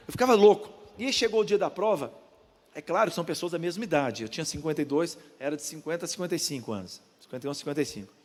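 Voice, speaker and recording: High-voiced older Brazilian pastor preaching. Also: male voice, long reverb tail. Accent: Brazilian Portuguese. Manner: storytelling, acts out the voices of others in his anecdotes. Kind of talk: sermon. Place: church.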